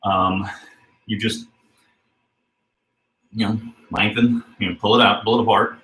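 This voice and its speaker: A man working as a fitness trainer who talks through exercises in a relaxed, chatty way, recorded indoors on a camera mic from a distance. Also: on the low side, unhurried. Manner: relaxed, chatty coaching with fillers. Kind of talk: casual workout instruction. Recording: roomy sound from a distant mic.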